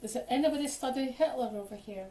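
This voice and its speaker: A tipsy woman cracks teasing jokes in a casual chat, her voice a little high but mellow. The sound carries some room echo. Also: quick pace, far from the mic. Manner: teasing, wisecracking, playfully self-mocking. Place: home, in front of a ring light. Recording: echoey room.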